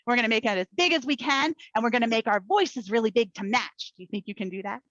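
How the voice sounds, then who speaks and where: A woman's voice: fairly high pitch, fast, a bit bright, no echo. A woman running a children's story time as a librarian, talking cheerfully and coaxingly straight to small children. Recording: dull, muffled recording.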